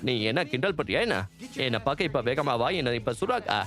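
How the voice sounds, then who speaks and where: A man playing a fast-talking exasperated partner. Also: medium pitch, very animated, music in the background, lightly acted. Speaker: agent partner. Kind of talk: dubbed movie dialogue.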